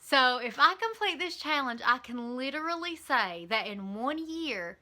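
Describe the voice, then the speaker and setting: A woman's voice: sits high, animated, unhurried, bright, forceful tone. A woman with an Eastern Kentucky accent talking casually and candidly to camera in a vlog, with frequent ums and likes. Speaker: vlogger.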